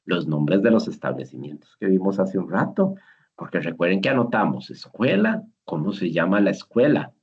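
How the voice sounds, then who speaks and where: A man's voice: low-pitched, very animated, moderate pace, slightly rough. A man leading a simulated classroom lesson as a teacher, patient and encouraging, praising each answer. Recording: dull lo-fi recording.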